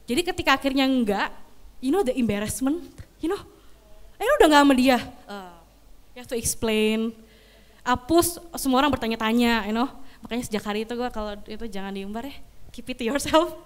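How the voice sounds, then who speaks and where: A young woman giving a casual youth sermon, chatty and animated, slipping English phrases into her storytelling. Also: fairly high pitch, fairly quick, clear, resonant tone. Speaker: youth pastor.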